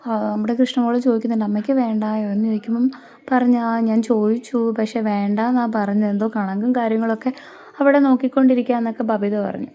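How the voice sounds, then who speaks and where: Casual Malayali woman narrator, mellow and a touch high, chatty storytelling. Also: steady tone, fast. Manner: chatty, retells the characters' lines in her own voice. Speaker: serial recap narrator. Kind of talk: casual retelling of a TV serial episode.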